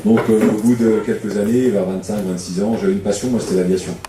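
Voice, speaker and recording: A man's voice: fairly low pitch, level tone, fast talker, far from the mic, noisy background. Joking man, echoey hall from afar. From Paris suburbs, France. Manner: humorous, self-mocking, chatty with the audience. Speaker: temp agency manager speaking at a public debate. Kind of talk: joking public talk. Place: community hall.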